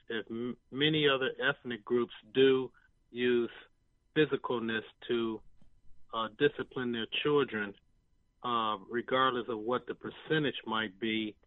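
A man calling in to a radio talk show over the phone, speaking in a hesitant, measured way with many um and uh fillers. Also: medium pitch, dry recording. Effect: calling in over a phone line. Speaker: radio call-in caller. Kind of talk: call-in discussion. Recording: tinny, dry phone line.

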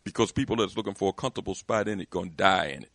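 A man's voice: low voice, very fast, vocal fry, a bit bright, no room sound. A man speaking with emphatic conviction in a discussion, often restarting his sentences. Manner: emphatic, repetitive restarts, rising intensity. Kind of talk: impassioned discussion.

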